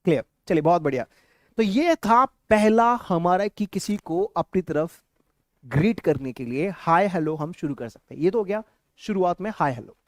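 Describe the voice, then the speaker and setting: A man teaching an English-speaking lesson to a class, animated and drilling words by repetition. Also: high-pitched, normal speed, no echo, clean studio sound.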